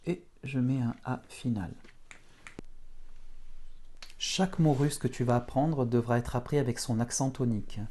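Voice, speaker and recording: A man teaching beginners to write letters, talking them slowly through each stroke. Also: medium pitch, warm tone. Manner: slow, step-by-step instruction. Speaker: Russian teacher. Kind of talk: handwriting lesson for beginners.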